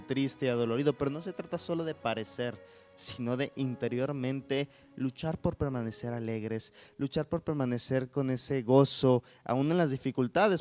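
Earnest man explaining faith, mid pitch. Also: darkish tone. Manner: earnest and explanatory, with some fillers. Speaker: co-host.

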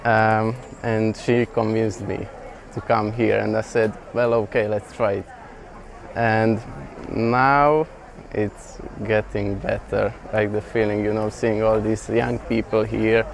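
Young man from Slovakia, low voice, hesitant and earnest, interviewed outdoors. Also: little pitch movement, takes it slowly, creaky, slight background noise, low-quality recording. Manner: hesitant, many ums, earnest. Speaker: festival pilgrim. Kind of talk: casual interview answers.

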